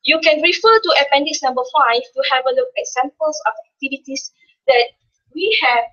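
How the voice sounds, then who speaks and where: A woman from Malaysia giving slow, clear instructions as she leads a workshop activity. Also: high voice, sharp tone. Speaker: teacher presenting a workshop. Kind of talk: classroom demonstration. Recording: dull lo-fi classroom recording.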